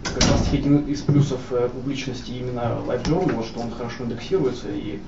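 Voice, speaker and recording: Мужчина ведёт живое обсуждение с публикой, его голос отдаётся эхом, как в пустом складе. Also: male voice, medium pitch, fairly even intonation, fast, gravelly. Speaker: event moderator. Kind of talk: informal live discussion with an audience. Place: echoey indoor hall at a live event. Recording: echoey hall, distant mic, muffled, noisy.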